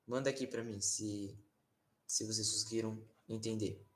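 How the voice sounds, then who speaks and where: A man's voice: lowish voice, fairly even intonation. Brazilian man, informal language teacher, patient filler-heavy explaining, roomy sound. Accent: Brazilian Portuguese. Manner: informal, explains slowly with many fillers and tag questions. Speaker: Latin teacher. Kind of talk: casual online lesson. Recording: roomy echo.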